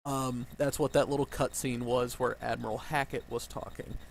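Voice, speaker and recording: A man's voice: mid-range voice, level tone, moderate pace, gravelly, slight background noise, poor audio. A man hosting a gaming video, commenting casually in an informal, sweary way.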